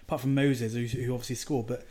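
A man with a mid-pitched voice talks fast in a casual podcast chat. He often restarts his sentences with quick stutters. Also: flat delivery, dark tone. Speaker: podcast co-host. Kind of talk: casual podcast chat about fantasy football.

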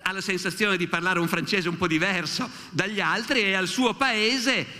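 A high-pitched Italian man in his sixties gives a public history lecture at a festival, speaking at normal speed. He tells the story in a lively way, quoting witnesses and adding animated asides, and a long hall reverb trails his words.

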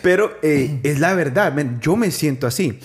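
A man from Colombia hosting a casual interview, chatty, with quick restarts, who acts out the quotes he tells. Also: on the high side, lively intonation. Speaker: podcast host.

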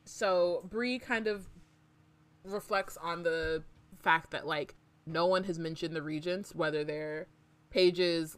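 Chatty low-pitched woman podcaster. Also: fairly bright tone. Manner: chatty, lots of "like" and "um", laughs often. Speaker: podcast co-host. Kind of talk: casual book discussion.

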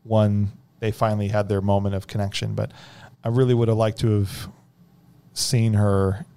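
A man's voice: on the low side, little pitch movement, moderate pace, dark tone, smooth. A man hosting a casual movie discussion in a conversational, jokey way. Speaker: podcast host.

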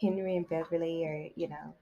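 A book summary vlogger casually recaps a novel's plot in a low, level, fairly quick voice that is gravelly and warm. She rambles along, constantly dropping fillers like "like" and "you know," and the recording's highs are cut off.

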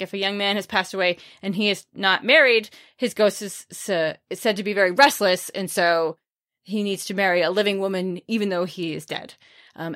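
Talking through book picks on her podcast, a woman keeps things loose and conversational. Her voice is mid-range and a touch bright, and her asides are wry and understated.

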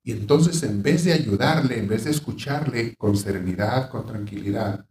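A man giving a reflective, faith-based counseling talk. He shifts between lively bursts that act out panicked reactions and a gentle, reassuring tone. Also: mid-range voice. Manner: animated, acts out panicked reactions in quick bursts; gentle, reassuring when voicing comfort. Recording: roomy sound, voice from a distance.

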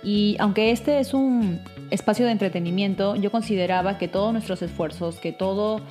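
A woman's voice: medium pitch, moderate pace, warm tone, faint music behind. A woman in her thirties with a Peruvian Spanish accent, hosting a casual, chatty podcast for female listeners. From Peru. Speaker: podcast host.

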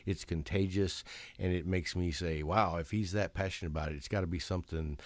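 A man's voice: low-pitched, fairly even intonation, a little fast, no room sound. A man hosting a cigar podcast, chatting enthusiastically and at length with his guest. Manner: enthusiastic, wordy, keeps returning to passion. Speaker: cigar show host. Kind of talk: casual podcast interview.

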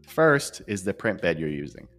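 The host's voice is low but fairly bright, with big swings in pitch and a moderate pace. He talks directly to listeners on an informal scripted podcast, recorded in an echoing, unfurnished new office with music underneath.

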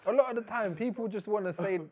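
A man's voice: high-pitched, fast, a little mellow. A man with a London roadman accent and slang, chatting casually and emphatically, often repeating his phrases. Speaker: rapper. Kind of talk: casual animated chat.

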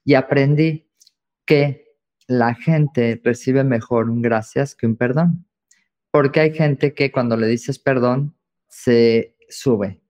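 A man's voice: medium pitch, takes it slowly, darkish tone. A man from Mexico with a Mexican Spanish accent, hosting an interview in a friendly, playful way. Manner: friendly, playful, acts out little quotes. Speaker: podcast host. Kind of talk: casual interview chat.

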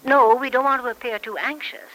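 A woman's voice: sits high, steady tone, a little fast, bright, forceful tone, low-quality recording. An actress playing a genteel, scheming old lady in a radio soap, precise and managing. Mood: urgent, cautious.

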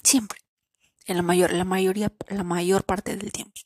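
A woman hosting a spiritual podcast, speaking slowly and deliberately and pressing her listeners with repeated rhetorical questions, at times dropping to a whisper. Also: mid-range voice, flat delivery, a little mellow, no room sound. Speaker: podcast host. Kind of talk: reflective spiritual monologue.

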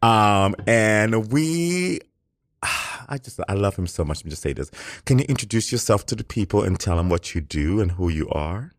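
A sassy male radio host chats casually, teasing his guest in a fairly low voice. The studio sound is close and dry, with no room around him. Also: big pitch swings, moderate pace, no echo. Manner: sassy, playful, drawls endearments. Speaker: radio talk show host.

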